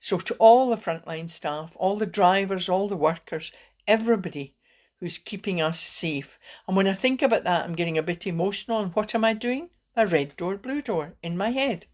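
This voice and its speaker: A woman wellbeing coach teaching calming techniques on a live video, talking in a gentle, encouraging way and often restarting her sentences. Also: mid-range voice, moderate pace.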